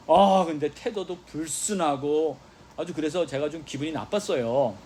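A man preaching in a church, his somewhat high voice rising and falling widely as he tells stories. He acts out the people in them as he preaches. A faint hum of the sanctuary sits behind him. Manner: animated storytelling preacher with exclamations and quoted dialogue. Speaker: pastor. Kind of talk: sermon.

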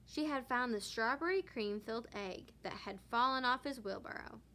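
Woman with a bright storybook voice. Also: on the high side, normal speed. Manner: expressive, animated narration. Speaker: teacher reading aloud. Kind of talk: storybook read-aloud.

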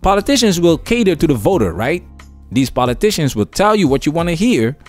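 A man hosting an opinion news commentary show, talking through clips and reacting to them. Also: on the high side. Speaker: host of a commentary channel.

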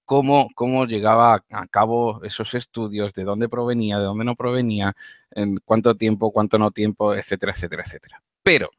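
A man's voice: fairly low pitch, fairly even intonation, a little fast, no echo. A man interviewing a guest on a live stream, talking hesitantly with many fillers and repeated words.

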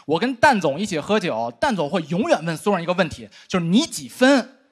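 A man's voice: a little high, sing-song, fast talker. A man doing a stand-up set on a studio stage, wry and reasoning his jokes out step by step. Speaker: stand-up comedian. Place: studio stage with live audience. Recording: clear background noise.

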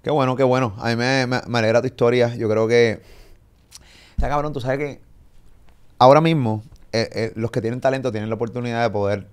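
A middle-aged man hosts a casual chat. He talks in an animated way, swears freely and acts out quoted lines. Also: mid-range voice, brisk, smooth. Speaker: podcast host.

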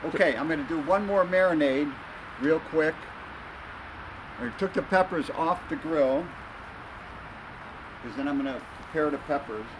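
A man talks through his cooking at an outdoor grill, calm and unhurried as he explains each step. His voice sits a little high. Street and traffic noise from the city carries clearly behind him. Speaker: home cook. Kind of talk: casual cooking demonstration.

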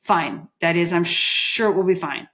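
A jittery young fairy officer from a storybook, meek and hedging, tripping over his own words, as a woman reads him. His voice sits fairly low and soft. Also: moderate pace. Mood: nervous.

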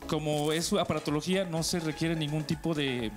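A man's voice: fairly high pitch, steady tone, a little fast, faint music behind. Male cosmetologist explaining on TV. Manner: confident, explanatory, repeats "así es". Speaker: cosmetologist guest. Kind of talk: explaining a treatment on TV. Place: TV studio set.

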